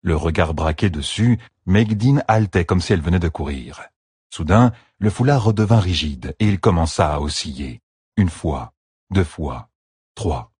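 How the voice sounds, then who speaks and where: Deep husky male audiobook narrator. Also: dry recording, clean studio sound. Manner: measured, expressive reading. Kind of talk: scripted fantasy narration.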